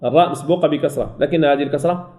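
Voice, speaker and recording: A man teaching a Quran recitation lesson, who asks and answers his own questions and slowly repeats example words. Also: on the high side, a little mellow. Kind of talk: recorded tajweed lesson.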